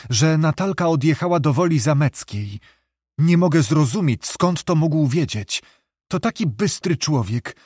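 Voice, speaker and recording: A man voicing a young, genteel woman who speaks softly and anxiously in a novel reading. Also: on the high side, no echo, clean studio sound. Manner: soft, anxious, pleading.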